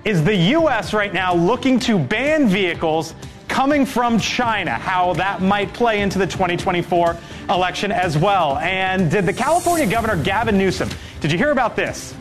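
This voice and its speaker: A news host with a high male voice runs a panel, cutting in firmly and hurriedly to keep order. Faint music sits under him. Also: expressive. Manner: cuts in often, firm and hurried. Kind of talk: moderating a heated panel debate.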